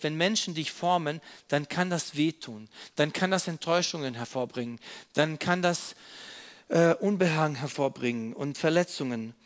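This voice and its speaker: A man preaching a sermon as an object lesson, explaining while he handles props and repeating his key phrases earnestly. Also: a little high.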